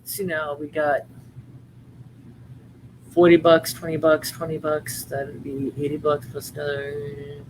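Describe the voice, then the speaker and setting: A man hosting a live-stream sale, giving a playful, hammy home-shopping style sales pitch with chatty patter. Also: completely flat delivery, unhurried, pauses often, slight background noise, rough recording.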